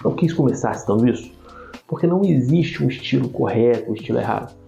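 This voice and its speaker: A man's voice: mid-range voice, expressive, quick pace, gravelly, dark tone. A man with a Brazilian Portuguese accent and slightly tongue-tied articulation, giving an informal, didactic video lesson as a writing tutor. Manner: didactic, enumerating points. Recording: dull lo-fi sound, music behind. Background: background music.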